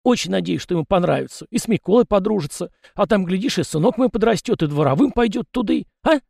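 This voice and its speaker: A man's voice: very high-pitched, very animated, a little fast, vocal fry, a little mellow, husky, dry recording, studio quality, pitched above the performer's own voice, heavily acted. A man voicing a fussy, garrulous male household spirit who talks in rustic folksy speech. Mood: cheerful.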